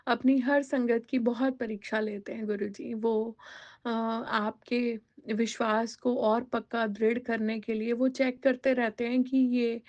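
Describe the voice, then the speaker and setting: A woman's voice: on the high side, little pitch movement, measured pace, a little mellow, dull audio. A woman telling a personal devotional testimony in a conversational way, slipping English words into her talk with many fillers.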